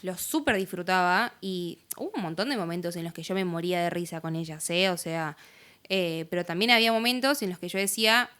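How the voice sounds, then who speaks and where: A woman's voice: fairly low pitch, a little fast, clear, resonant tone. A young woman with an Argentine accent, a podcast guest candidly telling her own story in casual talk full of fillers. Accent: Argentine Spanish. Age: young adult. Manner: casual, lots of fillers, animated retelling.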